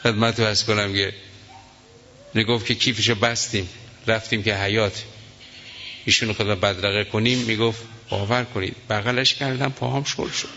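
A man with a fairly low, sharp-toned voice preaches a sermon, telling an emotional story and acting out the voices of its characters. The recording has an echoey hall sound and is dull and lo-fi.

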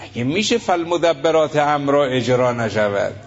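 A man's voice: medium pitch, expressive. A man preaching a sermon, emphatic, asking rhetorical questions and retelling stories with acted quotes. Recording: lo-fi muffled recording.

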